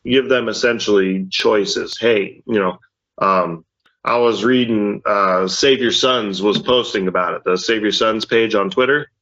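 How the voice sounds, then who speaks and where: A middle-aged dad talks loudly and a little slowly on a parenting podcast, his mildly deep voice wandering through casual chat. He keeps saying "you know what I mean," and the lo-fi sound comes across dull.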